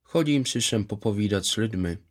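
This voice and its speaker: A man voicing a gentle, contented former footballer in his fifties, who talks eagerly and proudly about his past. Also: on the low side, lively intonation. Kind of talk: voiced character in a read story.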